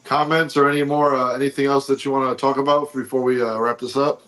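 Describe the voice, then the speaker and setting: A man's voice: mid-range voice, little pitch movement, quick pace, a bit bright. A man co-hosting a casual podcast chat, laid-back and swearing freely. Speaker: co-host and arm wrestler.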